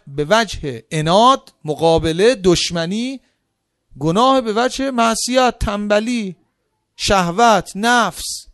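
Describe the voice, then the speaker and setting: Male preacher with a high voice, pressing his point with rhetorical questions and sudden low, soft asides. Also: dry recording, clean studio sound. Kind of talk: sermon.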